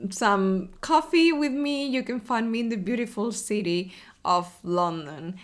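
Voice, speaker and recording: A young woman with an Argentine Spanish accent hosting a video podcast, telling her personal story in an unhurried, friendly way with many ums and restarts. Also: lowish voice, a bit bright. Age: young adult. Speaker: video podcast host, web developer advocate. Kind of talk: casual personal storytelling to camera.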